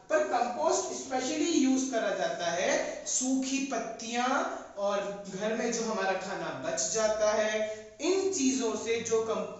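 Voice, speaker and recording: A woman teacher with an Indian English accent, giving an online lesson to young children, spelling words out letter by letter and repeating them. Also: fairly high pitch. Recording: echoey, distant, dull sound.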